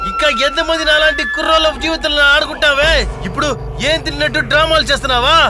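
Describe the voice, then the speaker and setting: A betrayed young man in a film scene, hurling shouted insults in a strained, very high voice. A loud music score plays under him throughout. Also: flat delivery, quick pace. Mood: enraged. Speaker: jilted lover in a film. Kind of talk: film drama acting.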